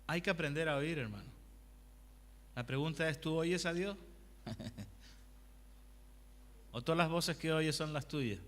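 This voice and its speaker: A man's voice: on the high side, slow pace, long pauses, a bit bright. A male pastor preaching a conversational sermon, asking the congregation questions and telling personal anecdotes. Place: church hall. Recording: long hall reverb.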